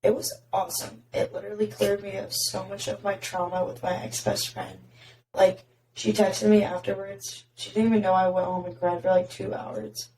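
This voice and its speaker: A young woman with a raspy voice, hosting a podcast and telling stories in casual chat full of "like" fillers. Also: mid-range voice, level tone, moderate pace, mellow. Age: young adult. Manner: chatty storytelling, many "like" fillers. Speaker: podcast host. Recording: roomy echo, faint noise.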